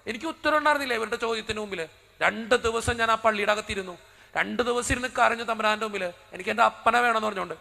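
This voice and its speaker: A priest preaching a sermon as a personal story, acting out the dialogue with drama. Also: male voice, sits high, rapid-fire, gravelly, bright, forceful tone, big-room sound.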